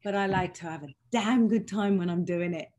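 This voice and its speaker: A woman fitness trainer telling personal stories in a self-mocking, laughing way, pronouncing her R's softly as W's. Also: medium pitch, brisk. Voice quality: cannot pronounce R's properly, says w for r. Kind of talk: animated personal storytelling in conversation.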